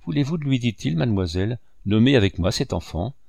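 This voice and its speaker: A man voicing an earnest, generous young gentleman who speaks in a pleading, heartfelt way. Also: mid-range voice, expressive, brisk, creaky, no echo.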